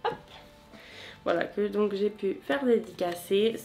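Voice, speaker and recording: Une femme qui présente un vlog littéraire sur un ton de conversation détendue, bavarde et ponctuée d'hésitations. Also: female voice, mid-range voice, measured pace, a little mellow, faint music behind. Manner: chatty, many hesitations. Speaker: book vlogger. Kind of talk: casual vlog chat.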